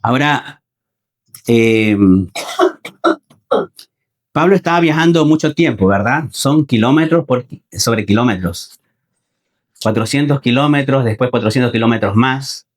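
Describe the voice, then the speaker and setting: A man's voice: medium pitch, unhurried, long pauses. Preacher man asking rhetorical questions. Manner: repeats phrases, asks the congregation rhetorical questions; addresses listeners as brothers. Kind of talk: Sunday sermon.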